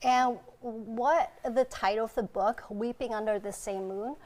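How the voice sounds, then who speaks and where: A woman from Vietnam with a slightly high voice, appearing as a guest doctor on a TV interview. She tells her story earnestly and from the heart. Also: steady tone, a little slow. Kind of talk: TV interview answers.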